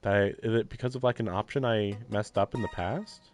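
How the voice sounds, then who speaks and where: Fairly quick and on the low side, a man's voice carries a casual let's-play of a visual novel, reading lines and thinking aloud with dry humor aimed at himself. The live stream has faint game music underneath.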